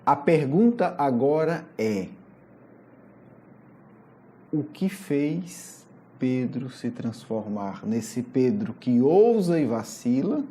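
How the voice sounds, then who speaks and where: A Brazilian Portuguese-accented spiritist lecturer tells a Gospel story with an animated storyteller's delivery. The pitch swings high and low through each phrase over a mellow, dark tone. Frequent questioning asides break up the telling. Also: slow.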